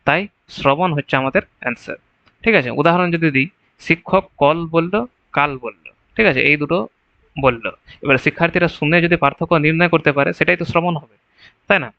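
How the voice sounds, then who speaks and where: Male exam-prep teacher, brisk and bright, slightly high voice, walks through the options point by point. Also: dry recording, highs cut off. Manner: explains answer choices step by step, often asks "right?". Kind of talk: online exam-prep lesson.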